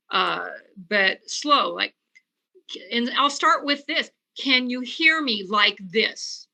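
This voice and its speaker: This is a woman doctor talking through an online workshop. Her voice is strikingly bright, and she speaks haltingly, with plenty of ums and restarts. The sound comes through a video call. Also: mid-range voice, vocal fry, rough recording. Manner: hesitant, many fillers and restarts. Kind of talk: casual advice in an online workshop.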